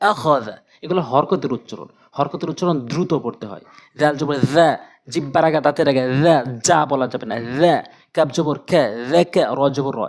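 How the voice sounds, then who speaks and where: A man with a slightly high voice runs a Quran reading lesson. He spells out each Arabic syllable, then repeats it again and again in a steady drill. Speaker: Quran teacher.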